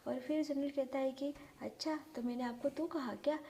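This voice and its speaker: A woman's voice: high voice, fairly even intonation, normal speed, warm tone. A woman teacher who retells a story for her pupils and stops often to explain words and idioms.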